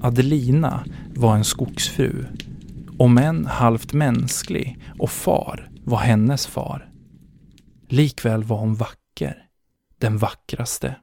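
A man hosting a podcast, narrating a story in a measured dramatic manner. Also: medium pitch, steady tone, vocal fry, dark tone, slight background noise.

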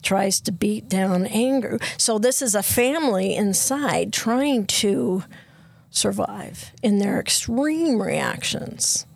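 A woman trauma therapist, a guest on a podcast, explaining in an earnest, steady way. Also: mid-range voice, slow, creaky, no room sound. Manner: earnest, explains steadily, drops to soft whispers when quoting inner voices.

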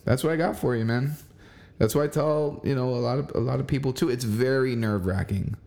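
A man's voice: medium pitch, fairly quick, vocal fry, warm tone. A man in his forties in casual chat, encouraging and emphatic, speaking straight to the listener. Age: 40s.

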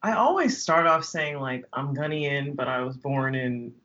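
A woman's voice: rumbling low, expressive, measured pace, a bit bright, dull audio. A woman from Maryland, a podcast guest reflecting in casual chat and often saying "like" and "sort of". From Maryland, USA.

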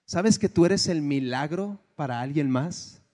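Impassioned pastor, high voice. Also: male voice, lively intonation, a little slow. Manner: impassioned, swings from hushed to shouting. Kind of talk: sermon. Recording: long hall reverb.

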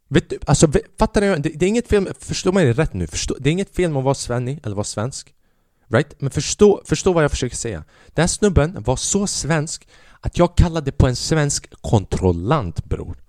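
A young man hosting a podcast, telling a comic, profane story as an animated rant. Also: mid-range voice, no echo, clean studio sound. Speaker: podcast host. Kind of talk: comedic ranting monologue.

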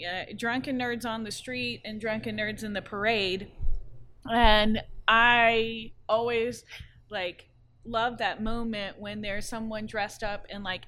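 Excited New woman. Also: medium pitch, measured pace. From New Orleans. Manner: enthusiastic, bursts into excited exclamations. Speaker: parade krewe member. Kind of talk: casual panel chat.

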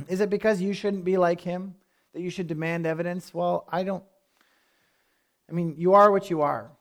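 A man gives a sermon in a fairly high voice. He speaks to his congregation in an easy, conversational way and then presses his points with firm emphasis. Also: steady tone, normal speed. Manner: conversational preaching that rises to forceful emphasis. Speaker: pastor.

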